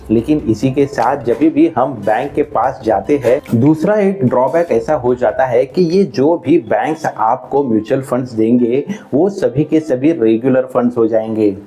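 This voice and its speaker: A man talks through money matters in a relaxed, conversational manner, building his points step by step. His voice is warm and dark. Soft background music runs faintly under his speech. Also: mid-range voice. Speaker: finance educator. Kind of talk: explainer video.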